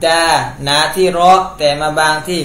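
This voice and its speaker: Reciting a phrase, then patiently breaking down its pronunciation rules, a man leads a step-by-step Quran lesson from home. His slightly high voice is fairly bright and steady, at a moderate pace, and the room echoes with faint noise.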